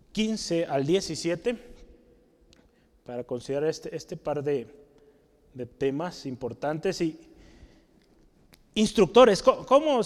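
High-voiced man teaching Bible study. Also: darkish tone. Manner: asks the audience questions often, tag questions like "¿sale?"; explains word roots slowly, writing on a board. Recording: long hall reverb.

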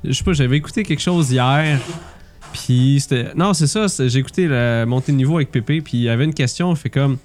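A man's voice: mid-range voice, brisk, a little mellow, a little hiss or hum. A man with a colloquial Quebec French accent, joking and chatting casually as a panelist on tabletop gaming. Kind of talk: casual chat about tabletop role-playing games.

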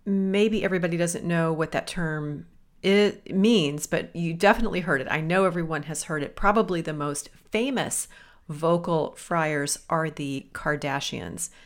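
Woman host, deep voice, brisk interview questions.

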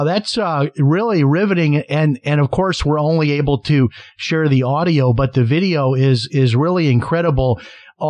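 Radio host guy, kinda halting, repeats himself, dry close sound. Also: on the high side, darkish tone, dry recording. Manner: hesitant, repeats words. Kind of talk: radio interview.

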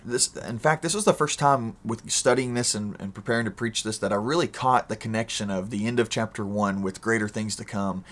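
A man's voice: lowish voice, fairly quick, hardly any pauses, a bit bright. A man, a pastor and podcast host, talking in an earnest, easygoing way with frequent restarts. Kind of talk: casual church podcast discussion.

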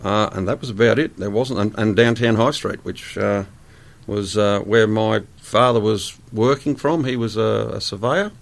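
An Australian man in his sixties, a guest chatting in a relaxed interview, rambling with many fillers. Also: fairly low pitch, normal speed, creaky. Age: 60s.

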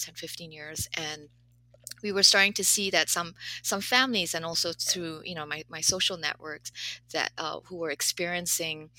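A woman's voice: on the low side, sharp tone, dry recording, rough recording. A woman professor from Malaysia and Canada talking as an interview guest, thoughtful and hesitant with many fillers. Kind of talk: casual interview conversation.

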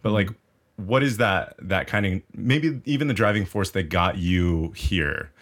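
A man hosting a podcast, asking questions in a relaxed, joking way with loose phrasing. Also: sits low, a little slow. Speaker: podcast host. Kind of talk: casual interview chat.

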